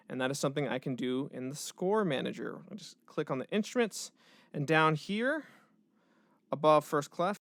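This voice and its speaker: Relaxed man explaining software steps. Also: fairly high pitch, dry recording, clean studio sound. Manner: casual step-by-step explaining with fillers. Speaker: music educator. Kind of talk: screen-recorded software tutorial.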